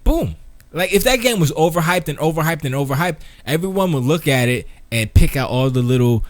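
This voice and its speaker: A man's voice: fairly high pitch, lively intonation, fairly quick, no echo. Male gaming co-host, slangy trash talk, swooping delivery, dry close sound. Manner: slangy, trash-talking, playful. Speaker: stream co-host. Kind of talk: casual gaming chat.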